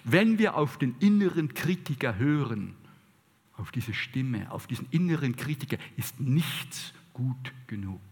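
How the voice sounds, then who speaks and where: A man's voice: on the high side, big-room sound. A man preaching a sermon, emphatic, repeating phrases and asking rhetorical questions.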